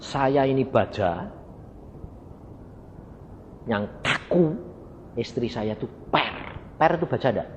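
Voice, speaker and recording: A middle-aged preacher, telling stories and acting out conversations in an unhurried, lively sermon. His voice rings through a long-echoing hall on a dull, muffled recording with faint background noise. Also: mid-range voice. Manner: storytelling, acts out dialogue, addresses audience as brothers.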